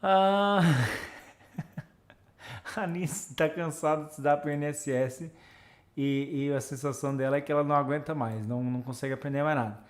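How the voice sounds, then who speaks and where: Guy tutoring on a live stream, slightly high voice, chatty, reads out comments. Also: moderate pace, pauses often. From Santa Catarina, Brazil. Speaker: online tutor for exam students. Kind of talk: casual live-stream class.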